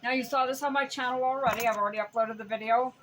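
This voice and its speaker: A woman's voice: fairly high pitch, steady tone, fast, background noise. A mother who hosts her own cooking channel, chatting casually and explaining each step as she cooks at home in her kitchen.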